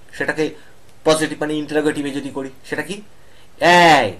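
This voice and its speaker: A man teaching English grammar in an online lesson. He says example sentences slowly and keeps checking with the students. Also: on the high side. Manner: slow, drawn-out example sentences; keeps asking "all right?" to students.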